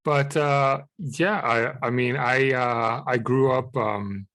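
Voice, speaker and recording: A man in his thirties from Israel, a podcast guest answering questions in a halting way with many fillers and restarts. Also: mid-range voice, a bit bright, dry recording. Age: 30s. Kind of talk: conversational interview answers.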